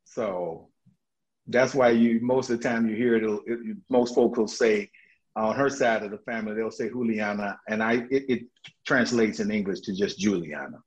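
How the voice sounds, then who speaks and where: Energetic laughing man on lo-fi audio. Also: on the low side, normal speed. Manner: energetic, laughing storyteller with many restarts. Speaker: guest. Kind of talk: casual interview chat. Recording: dull lo-fi audio.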